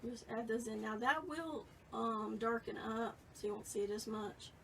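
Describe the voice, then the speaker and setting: A woman's voice: a little high, fairly even intonation, normal speed, vocal fry, recorded from a distance, slight background noise, rough recording. A woman in her late fifties giving a casual, chatty painting lesson and reading viewer comments as she works. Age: 50s. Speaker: painting instructor. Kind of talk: live painting tutorial.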